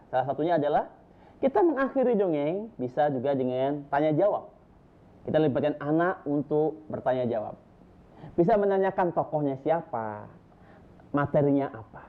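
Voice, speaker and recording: A man teaching storytelling techniques in an emphatic, lively way, listing his points one by one. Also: fairly high pitch. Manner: lively, emphatic, lists points with rising energy. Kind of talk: instructional talk to storytellers. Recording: tinny phone-like sound.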